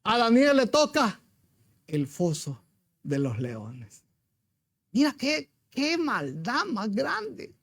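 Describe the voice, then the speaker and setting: Slow-paced preaching pastor. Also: male voice, extremely high pitch, wildly swooping pitch, vocal fry, fairly bright tone, no room sound, clean studio sound. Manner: emphatic storytelling, rhetorical questions to the congregation. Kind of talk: sermon.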